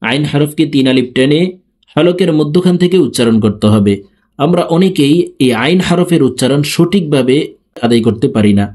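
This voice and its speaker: A man teaching letter pronunciation, explaining each sound slowly and then chanting it with long drawn-out vowels. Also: on the high side, expressive, darkish tone. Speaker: Quran reading teacher.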